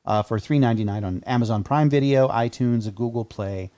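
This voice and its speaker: A man's voice: mid-range voice, brisk, mellow. A man co-hosting a casual podcast, rambling along good-naturedly. He talks loosely, with plenty of "like" and "you know," and cracks dry jokes. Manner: chatty, jokey, many fillers. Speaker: podcast co-host. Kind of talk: casual chat.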